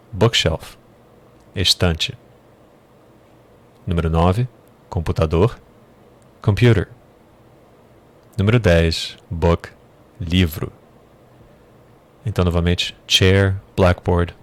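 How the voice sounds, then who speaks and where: Man, deep voice, relaxed English tutor who self-corrects. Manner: thinks aloud, self-correcting, unhurried. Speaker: English teacher. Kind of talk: casual screen-share lesson.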